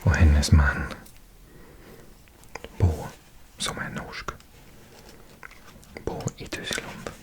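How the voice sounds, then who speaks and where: A man whispers an unhurried ASMR study session, his breathy voice sitting low. He murmurs close to the microphone and thinks aloud as he sounds out words. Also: flat delivery, darkish tone. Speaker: ASMR creator.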